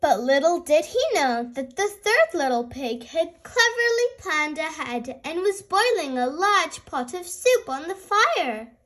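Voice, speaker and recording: Woman, fairy tale opening narration, high voice, slow pace, animated sing-song, children's read-aloud. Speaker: host reading stories aloud for small children.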